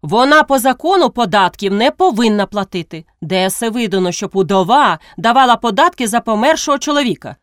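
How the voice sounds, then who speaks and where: A woman's voice: a little high, expressive, a little fast, few pauses, dry recording, clean studio sound, lightly acted. A woman voicing a cheerful, outspoken, good-hearted peasant man who exclaims with animation. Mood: insistent.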